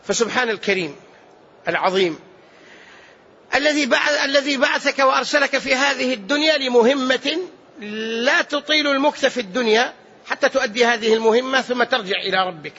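High, husky preacher man. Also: a little fast, bright, forceful tone. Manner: retells a tale, acting out its dialogue with dramatic shifts and chuckles. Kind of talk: sermon storytelling. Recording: dull lo-fi recording.

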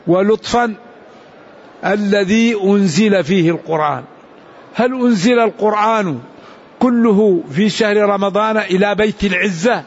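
High-voiced man giving a religious lesson. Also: highs cut off. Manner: explanatory, unhurried, with restarts and asides. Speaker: Islamic scholar.

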